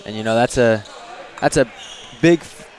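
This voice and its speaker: A man's voice: medium pitch, normal speed. A man working as a color commentator, giving live analysis of a basketball game.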